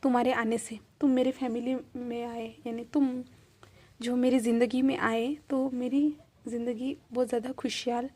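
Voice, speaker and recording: A woman's voice: a little high, little pitch movement, moderate pace, mellow, natural voice. A woman doing a tearful young man. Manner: tearful, rambling. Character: emotional young man, crying with joy.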